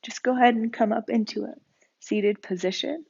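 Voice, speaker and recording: A woman leading a guided yoga and breathing class, speaking calmly and slowly with soft-spoken guidance. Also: on the high side, vocal fry, slightly rough, dull audio. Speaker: yoga instructor.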